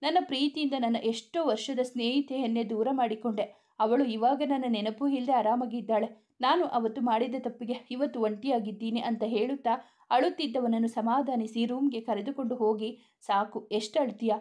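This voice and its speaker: A woman reading a serialized love story aloud in a steady, even manner. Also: on the high side, normal speed.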